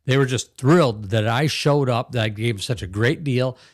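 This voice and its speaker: A man's voice: medium pitch, moderate pace, no room sound, clean studio sound. Chatty man hosting a live stream. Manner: rambling, chatty, laughs often, reads viewer comments aloud. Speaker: live podcast host. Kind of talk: casual live-stream chat.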